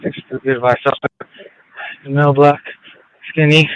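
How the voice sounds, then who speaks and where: A man's voice: a little high, little pitch movement, unhurried, smooth, dry recording, phone-quality sound. A man, a police officer, giving terse codes and directions over a police radio transmission. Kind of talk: clipped radio call-outs.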